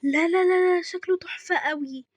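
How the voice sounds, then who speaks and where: A bubbly, excitable young woman chatters in a high Egyptian voice, as a woman puts her on. She sounds eager and youthful throughout. The sound is dry and close to the mic. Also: fairly quick, dry recording. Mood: excited.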